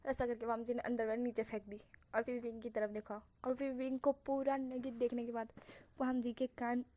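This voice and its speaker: A woman's voice: a little high, flat delivery, moderate pace, dark tone, no room sound. A woman casually reading a romance fan fiction aloud, with chatty, self-conscious asides to her listeners.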